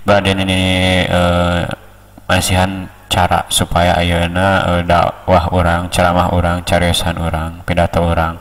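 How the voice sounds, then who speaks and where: Man, Sundanese accent, very low flat voice, slow unhurried tutorial, reverberant room, distant mic. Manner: slow, unhurried, with many pauses. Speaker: speech coach. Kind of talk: casual tutorial on preaching delivery.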